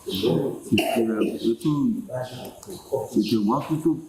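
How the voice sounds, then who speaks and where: A man chatting casually in a low, quiet way, joining the conversation with short remarks. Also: slow pace. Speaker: listener in conversation. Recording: echoey room, loud background noise.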